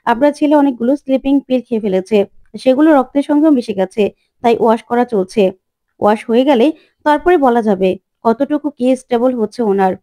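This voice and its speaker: A woman voicing a measured hospital doctor explaining a treatment. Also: a little high, warm tone, no echo, close to an everyday voice. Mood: reassuring. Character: calm hospital doctor, stern then reassuring.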